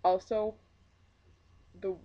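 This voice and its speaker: A woman's voice: mid-range voice, little pitch movement, extremely slow, dark tone, highs cut off. A woman with a Minnesota accent giving a casual, opinionated book review rant, emphatic, blunt and joking in her exasperation. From Minnesota, USA.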